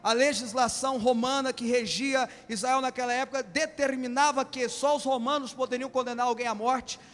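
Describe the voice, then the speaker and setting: A man preaching a sermon as a bishop, impassioned and often shouting in a church hall. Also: very high-pitched, fairly even intonation, normal speed. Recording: long hall reverb.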